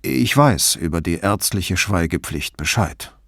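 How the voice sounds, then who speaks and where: A man's voice: low-pitched, expressive, unhurried, gravelly, no room sound, clean studio sound, exaggerated voice. A man voicing a reserved male family doctor who speaks in a neutral, guarded tone.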